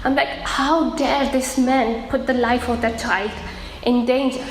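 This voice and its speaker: Woman from afghanistan telling her testimony, kinda high voice, echoey roomy sound with a little hiss. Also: fairly even intonation. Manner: earnest, halting with fillers. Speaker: testimony speaker. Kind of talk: personal testimony. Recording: echoey room with faint noise.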